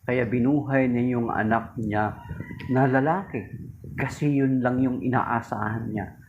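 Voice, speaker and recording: A man's voice: medium pitch, steady tone, measured pace. A man with a Filipino accent giving a homily that switches between Tagalog and English, speaking in a chatty way and often calling his listeners brothers and sisters. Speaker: preacher. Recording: phone-like narrow sound with faint noise.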